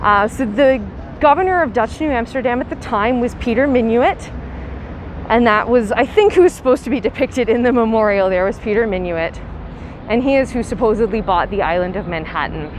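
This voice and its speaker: A young woman leading a walking tour through a city park narrates in a fairly high, animated, fairly quick voice, chatty and explanatory with light laughs. She's filmed on a handheld camera, mostly off screen, with faint city noise outdoors.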